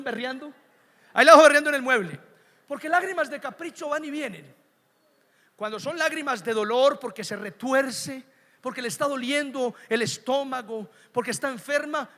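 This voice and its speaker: High-pitched emphatic pastor, reverberant church. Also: male voice. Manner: emphatic, swings from soft to shouting. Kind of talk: sermon.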